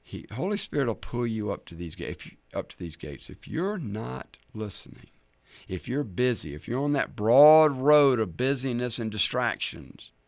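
A man preaching a sermon, swinging from loud dramatic scripture readings to soft near-whispers and speaking to listeners as friends. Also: lowish voice, vocal fry, no echo. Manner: addresses listeners directly as friends.

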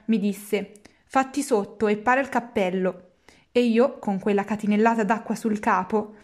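A woman's voice: mid-range voice, a little mellow, natural voice. Woman doing whiny Pinocchio, puppet boy. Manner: whining, petulant pleading.

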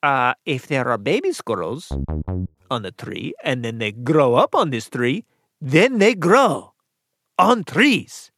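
A woman's voice: very deep voice, very animated, takes it slowly, a bit bright, dry recording, studio quality, exaggerated voice. Woman voicing a bubbly little alien boy. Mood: curious. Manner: wide-swinging whimsical delivery. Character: cheerful alien boy, curious and literal-minded.

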